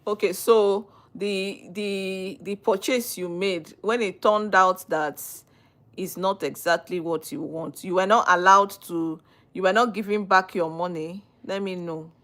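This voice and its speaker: A woman with a Nigerian accent, a legal practitioner hosting a live stream, reads out viewer comments and teasingly questions them. Her voice is mid-range and fairly bright, with a measured pace.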